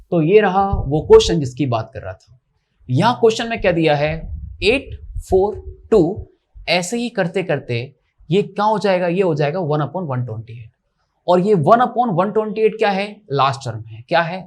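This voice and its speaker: A man's voice: high voice, very animated, normal speed. Man teaching maths. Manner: explains step by step, asks and answers his own questions. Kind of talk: classroom lecture.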